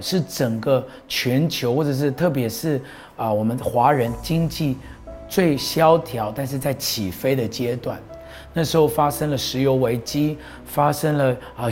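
A man's voice: medium pitch, darkish tone. A middle-aged man, a pastor giving an earnest, proclaiming talk that he mixes with personal stories. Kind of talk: preaching talk on a show.

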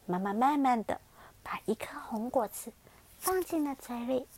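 A woman gently reading a bedtime story aloud as the storyteller, expressive and close to the mic. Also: on the high side, moderate pace.

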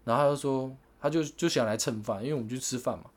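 A man's voice: medium pitch, quick pace. A young man, telling rambling anecdotes in casual chat and laughing often. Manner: rambling anecdotes full of 'this way' fillers, laughs often.

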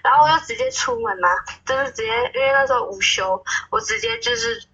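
A young woman, a guest on a casual chat, who tells a story with lively quoted voices. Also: high voice, fast talker. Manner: animated, acts out quarrels in quoted voices. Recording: dull phone-quality sound.

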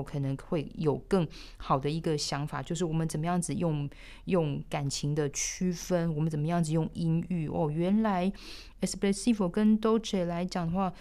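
A woman explaining a piano score step by step in a thoughtful way, sometimes trailing off softly. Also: lowish voice. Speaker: piano teacher. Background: piano playing.

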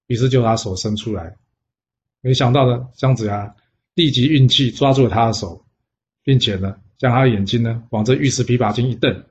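A man's voice: mid-range voice, fairly quick. A man telling an old legend in a casual, chatty storytelling voice, full of little fillers. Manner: lively, chatty, with frequent "呢" fillers. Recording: dull lo-fi sound.

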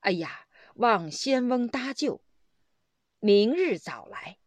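A woman's voice: fairly high pitch, big pitch swings, takes it slowly, no room sound. Woman doing a pleading young man. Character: young man, humble and desperate.

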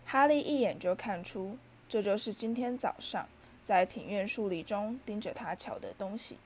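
A woman reading a storybook aloud as narrator, in a steady, even manner. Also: mid-range voice, moderate pace, a little hiss or hum. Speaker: audiobook reader.

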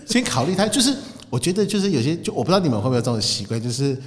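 A man's voice: fairly high pitch, very animated, racing, long reverb tail, a loud crowd. A man co-hosting a casual podcast chat, joking and playful as he talks. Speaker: podcast co-host.

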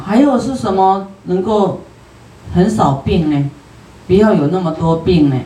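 In a warm, mid-range voice, a Buddhist teacher with a Taiwanese Mandarin accent delivers a sutra lecture, homely and chatty, stretching out particles at the ends of sentences. The mic is far away in a roomy hall.

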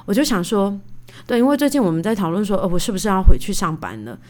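Woman, 30s, podcast host, casual storytelling, chatty, full of fillers, animated. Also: medium pitch, fast. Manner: chatty, animated, indignant retelling; many fillers like "you know".

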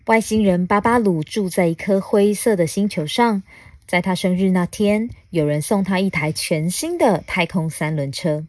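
A mother reading a picture book aloud to her child for a podcast, coaxing and asking gentle questions along the way. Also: fairly low pitch, moderate pace, no echo. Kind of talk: storybook read-aloud podcast.

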